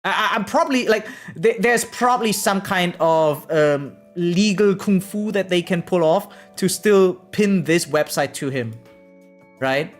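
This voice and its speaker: With music in the background, a variety streamer speaks at a measured pace in a middle-pitched voice, moving between reading aloud and casual chat. The reactions are lively and exclamatory, often punctuated by "right?"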